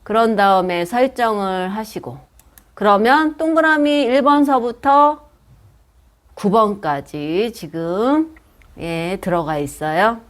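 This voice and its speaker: A woman's voice: mid-range voice, takes it slowly. A woman teaching a computer class, patiently guiding students through a program step by step. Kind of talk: step-by-step software lesson. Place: senior welfare center classroom.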